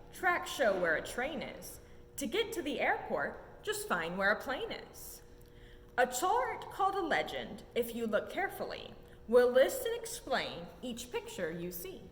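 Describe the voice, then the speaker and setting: In an indoor museum exhibit room, a young woman leading story time reads a picture book expressively to children. Her voice is very animated in pitch, with sing-song rhymes and emphatic swoops, and the room is echoey with low rumbling noise.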